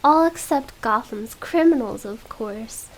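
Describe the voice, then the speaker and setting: A woman whispering the part of a smooth, rich young playboy in a whispered role-play reading. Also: fairly high pitch, lively intonation, measured pace, low-quality recording. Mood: teasing.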